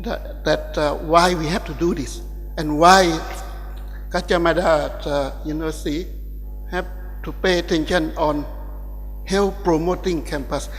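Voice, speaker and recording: A man with a Thai accent gives a ceremonial keynote lecture in a fairly high voice, restarting and filling his sentences as he goes. His words ring out with a long reverb in a large hall, and faint music sits underneath. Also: steady tone, fairly bright tone. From Thailand. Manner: halting, with many restarts and fillers. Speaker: guest lecturer. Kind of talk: academic keynote speech.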